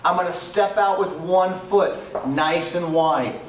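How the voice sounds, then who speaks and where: A man's voice: high-pitched, slow. A male martial arts instructor explaining self-defense techniques step by step while he demonstrates them, recorded outdoors. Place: outdoors on a cement area. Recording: echoey, distant camera audio.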